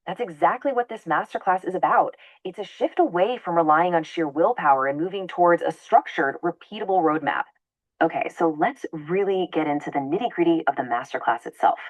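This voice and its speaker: A woman's voice: on the low side, expressive, normal speed, dry recording, low-quality recording. A woman narrating a scripted explainer video in an upbeat, conversational presenter tone.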